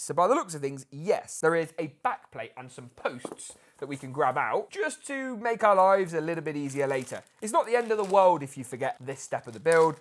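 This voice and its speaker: A woman presenting a PC build guide in a chatty, self-deprecating way, thinking aloud as she works. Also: on the low side. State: slightly out of breath. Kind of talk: casual build guide narration.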